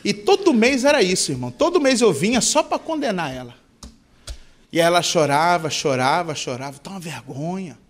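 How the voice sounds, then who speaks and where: A young man preaching as a pastor, telling a personal story and leading a prayer, with passion that swings between loud and hushed. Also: high voice, big pitch swings, moderate pace. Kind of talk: sermon with testimony and prayer.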